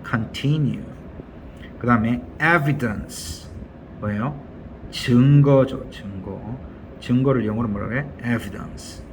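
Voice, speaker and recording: Male teacher, slow patient vocab drill, faint background hiss. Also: mid-range voice. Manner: slow, drawn-out word-by-word drilling with frequent checking questions. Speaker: English teacher.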